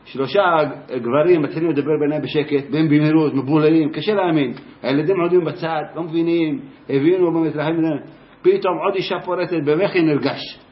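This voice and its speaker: A man, a teacher, telling a personal story in a lively first-person way, briefly acting out the voices of the people in it. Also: a little high. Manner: lively, acts out voices in his anecdote. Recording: roomy, dull lo-fi sound.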